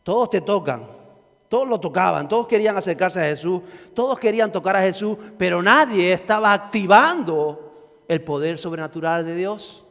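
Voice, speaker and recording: Male preacher, fervent and repetitive, very high voice, echoing church hall. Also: normal speed. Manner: fervent, repetitive, rising to shouts. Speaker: pastor. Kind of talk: sermon.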